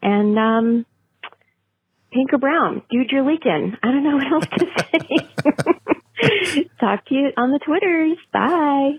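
A woman's voice: high voice, expressive, takes it slowly, pauses often. A woman leaving a hesitant, giggly voice message over the phone. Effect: voice message over a phone line. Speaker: listener calling in. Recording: tinny phone-line voicemail.

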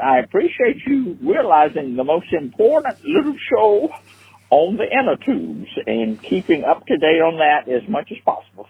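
A man leaving a rambling, halting voicemail, heard over a phone line. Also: on the high side, gravelly, breathy edge. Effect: voicemail message played over a phone line. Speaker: caller. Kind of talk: casual voicemail.

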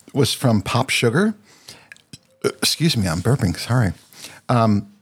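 Man, very low voice, casual solo podcast host, chatty and meandering, frequent ums. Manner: rambling, searching for words with many ums.

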